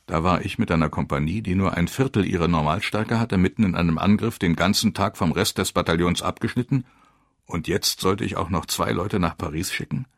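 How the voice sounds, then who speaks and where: A man giving grave, measured first-person narration of a war memoir. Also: sits low, vocal fry, no echo, studio quality.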